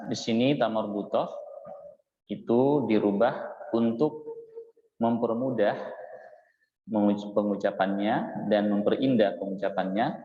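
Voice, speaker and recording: A man teaching Quran recitation. He explains each rule patiently, chants example words slowly, and keeps checking in with a short "ya". He is from Indonesia and speaks in a mosque hall. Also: lowish voice. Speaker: Islamic teacher. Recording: echoey hall, dull lo-fi sound.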